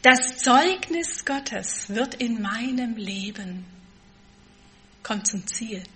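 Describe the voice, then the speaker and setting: A woman preaching a sermon, stressing key words with force and then dropping to a soft, quiet tone. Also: on the high side, lively intonation, drawn-out words.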